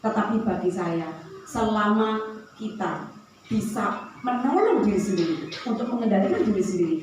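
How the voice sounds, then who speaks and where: A woman preaches in a relaxed, conversational storytelling manner and drifts easily into anecdotes. Her voice rings through a very reverberant church hall. She sounds distant from the mic, with faint ambient noise behind her. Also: mid-range voice, moderate pace. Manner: conversational storytelling, tangents and light laughs. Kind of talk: sermon. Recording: very echoey hall from far off.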